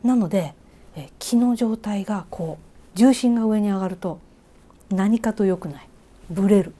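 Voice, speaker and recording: A woman's voice: mid-range voice, normal speed. Chatty woman teacher with a Kansai lilt. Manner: chatty, asks the listener questions, drops into soft whispered asides. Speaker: reiki teacher. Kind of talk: casual spoken lesson to viewers.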